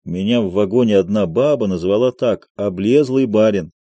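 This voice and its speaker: A man voicing a shabby, gentle young eternal student, speaking earnestly, in an audiobook of a play. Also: fairly low pitch, normal speed, no room sound, close to an everyday voice.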